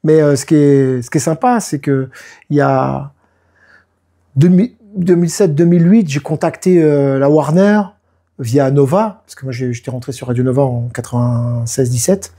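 Telling stories with energy and frequently acting out other people's lines, this interview guest is a musician and producer in his fifties. The casual conversation features his mid-range male voice at a moderate pace.

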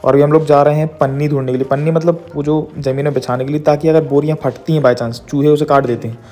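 Speaking quickly in a slightly high, warm voice with fairly even intonation, a young adult man chats to his viewers. He holds the phone camera at arm's length and rambles in a casual daily vlog.

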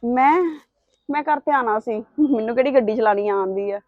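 A woman's voice: fairly high pitch, moderate pace, no echo, natural voice. A middle-aged woman acting a mother who defends herself to her son-in-law in a family drama. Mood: defensive. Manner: defensive, pleading. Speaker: wife's mother. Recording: dull dry sound.

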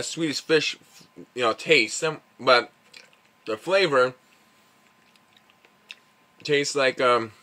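A man's voice: medium pitch, sharp tone. A man vlogging at home, tasting and reviewing candy in a rambling, casual way, full of fillers, sometimes talking while chewing. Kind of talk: casual chat. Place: at home with his dog.

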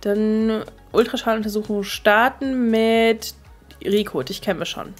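A woman hosting a let's play, chatting casually and excitably as she talks to her game characters and her viewers. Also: a little high, measured pace, soft background music. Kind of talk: casual gameplay commentary.

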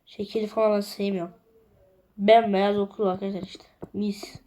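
A young woman casually chatting to viewers as she builds in a game, often counting blocks quietly under her breath. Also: mid-range voice, little pitch movement, a little fast, slight background noise. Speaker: gaming video creator.

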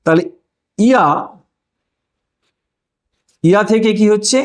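In a notably high voice and at a slow pace, a man gives an explanatory language lecture step by step like a careful classroom teacher. He repeats every example and poses rhetorical questions that he then answers himself.

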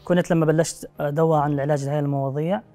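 A young man with a slightly high voice speaks Levantine Arabic at a very fast pace. He has a speech impediment on his r sounds and talks as an interview guest. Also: steady tone, dark tone, soft background music. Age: young adult. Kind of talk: personal interview. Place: TV studio. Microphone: lapel.

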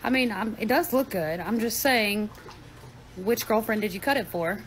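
A woman's voice: medium pitch, normal speed, a little hiss or hum, rough recording. A woman teasing and accusing her partner in a playful couple argument. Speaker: girlfriend. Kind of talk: casual couple argument skit.

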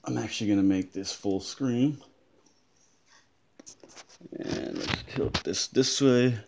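A man showing close-up magnified damage on a watch he bought, talking slowly and deliberately, now and then muttering in frustration at his gear. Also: mid-range voice, creaky, roomy sound, a little hiss or hum. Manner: slow, deliberate, pointing things out, occasional frustrated mutters. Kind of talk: casual show-and-tell demonstration. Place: indoors at a desk in a room.

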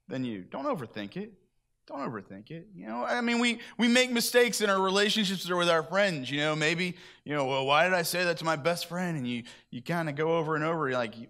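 A man's voice: fairly high pitch, a bit bright. A man preaching a sermon at church in a chatty, conversational way, often repeating himself. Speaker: pastor.

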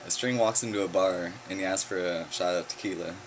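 Young man, low voice, laid-back joke telling, faint background hum. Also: a little fast, poor audio. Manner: laid-back, chuckles at his own jokes. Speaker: vlogger. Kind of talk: casual joke telling to camera.

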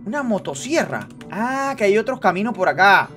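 A young man giving excited gameplay commentary, shouting when startled. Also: sits high, normal speed. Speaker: gamer streamer. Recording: voice over game music.

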